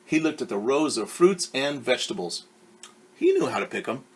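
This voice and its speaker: Reading a picture book aloud to kids, this male teacher stops now and then to define words and ask them questions. His voice is husky and medium-pitched, with big swings in pitch.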